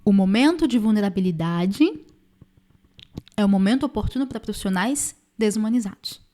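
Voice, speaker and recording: A woman's voice: medium pitch, lively intonation, moderate pace, mellow. A woman host commenting on birth care, speaking emphatically and addressing viewers directly. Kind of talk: explanatory commentary.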